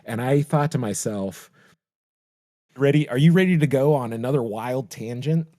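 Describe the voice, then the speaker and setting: A man's voice: medium pitch, moderate pace, mellow, no echo, studio quality. A man co-hosting a podcast, chatting loosely about music with lots of "like" and "you know". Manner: rambling, full of "like" and "you know". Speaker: podcast co-host. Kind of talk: casual music discussion.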